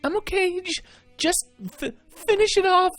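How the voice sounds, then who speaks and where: A person voicing a wounded young game character, gasping bravely in halting phrases. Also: very high voice, fairly even intonation, fairly bright tone, no room sound, faint music behind, pitched above the performer's own voice. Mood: pained, urgent. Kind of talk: video game character voice read aloud.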